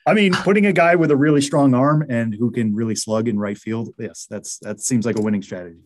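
A man's voice: medium pitch, a little fast, no room sound. A man with a Massachusetts accent, analyzing baseball prospects in a casual interview, chatty with lots of fillers and restarts.

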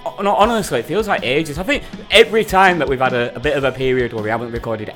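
A man's voice: mid-range voice, quick pace, music in the background. Swearing man in his thirties. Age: 30s. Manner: rambling, heavy swearing. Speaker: podcast co-host. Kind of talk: casual podcast chat.

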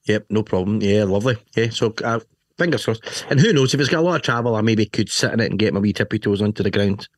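A man's voice: on the low side, expressive, fast talker, no room sound, studio quality. A man with a broad Scottish accent chatting casually and jokily as a show co-host, playful and self-deprecating. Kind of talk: casual jokey bike chat.

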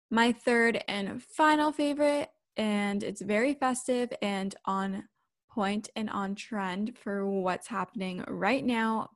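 A woman in her twenties talking casually as the solo host of a podcast, chatting and reading sponsor spots. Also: mid-range voice. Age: 20s.

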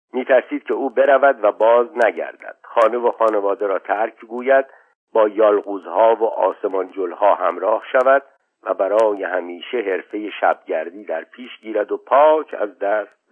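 A man reading a literary story aloud in a measured storytelling manner. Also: medium pitch, breathy edge. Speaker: audiobook reader. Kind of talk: scripted story narration. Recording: tinny lo-fi phone-like sound.

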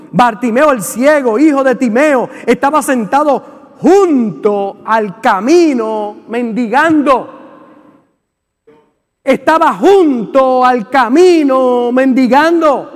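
A man in his fifties with a Puerto Rican accent, preaching a sermon with passion and rising to shouts. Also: very high voice, in a large hall. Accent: Puerto Rican Spanish. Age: 50s. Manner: impassioned preaching, shouting at peaks. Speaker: pastor. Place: church sanctuary.

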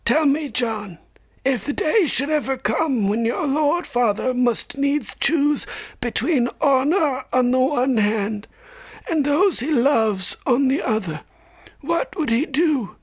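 Ancient, wise fantasy maester: high, thin, breathy old voice, solemn, slow, sorrowful. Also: male voice, expressive, no room sound, exaggerated voice. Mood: solemn, probing. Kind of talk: audiobook-style character reading from a fantasy novel.

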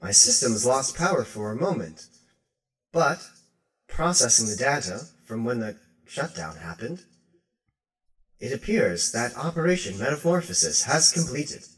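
A man voicing a chipper female ship AI rebooting after a power loss and reporting crisply. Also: medium pitch, big pitch swings, measured pace, fairly bright tone, recorded from a distance, pitched above the performer's own voice, poor audio.

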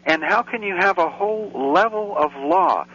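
A man with a high, sing-song voice speaks at normal speed, sounding creaky, bright and forceful with a breathy edge. He's a guest commentator on a casual Central European radio show, rambling and growing heated and indignant. The recording is dull and faintly hissy.

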